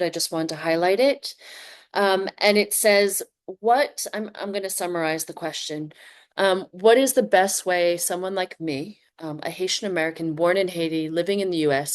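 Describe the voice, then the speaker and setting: A woman moderating an online panel discussion, polite and pausing with "um" as she hands questions to the panelists. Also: fairly low pitch. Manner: polite, pauses with "um".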